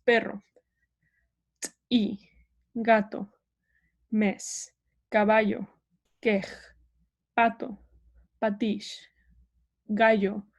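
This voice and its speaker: A woman's voice: mid-range voice, a little mellow. A young woman teaching an online language lesson, explaining patiently step by step and having learners repeat words.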